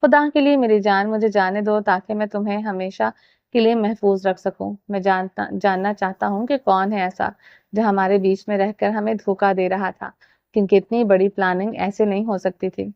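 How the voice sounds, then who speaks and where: A woman's voice: mid-range voice, fairly even intonation, no room sound, lo-fi sound, close to an everyday voice. A woman voicing a devoted, protective husband in her own earnest reading voice. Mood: tender, resolute.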